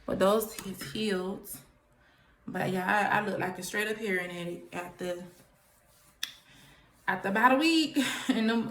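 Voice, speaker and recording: Woman, young adult, chatty vlog storytelling, animated, bright voice, echoey room. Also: mid-range voice. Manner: animated, chatty, addresses viewers as y'all. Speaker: vlogger. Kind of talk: casual storytelling to camera.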